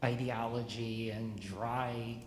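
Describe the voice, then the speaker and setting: A man in his forties asking a new minister questions at a church meeting, halting and often restarting his sentences. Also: medium pitch, little pitch movement, roomy sound, long reverb tail, slight background noise. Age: 40s.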